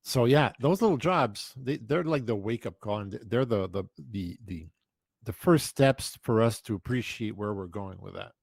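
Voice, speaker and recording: A man's voice: fairly low pitch, animated, normal speed, creaky, no echo. A man in his fifties hosting a casual chat, talking emphatically and rambling with restarts. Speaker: podcast host.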